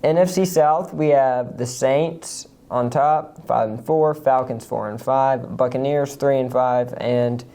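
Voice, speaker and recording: Give me a co-host on a relaxed sports podcast who speaks at a middling pitch. They talk in a chatty, casual way and reel off team records and injured players in quick lists.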